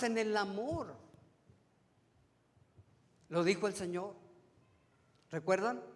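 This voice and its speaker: A man preaching a sermon to his congregation. He calls them brothers, asks them rhetorical questions, and swings from emphatic rises to soft, trailing phrase endings. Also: sits high. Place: church sanctuary. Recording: long hall reverb of a church.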